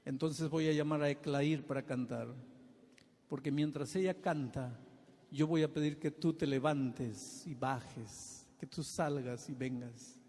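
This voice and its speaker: Male pastor, fervent preacher, slightly high voice, long reverb of a big church hall. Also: steady tone, unhurried, a little mellow. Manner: impassioned, acts out dialogues. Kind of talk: evangelistic sermon with altar call.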